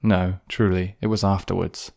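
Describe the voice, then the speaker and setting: A man voicing a humble, beaten old fisherman in an audiobook, speaking low, quiet and tired. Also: little pitch movement, normal speed, gravelly. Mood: weary. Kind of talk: audiobook character voice.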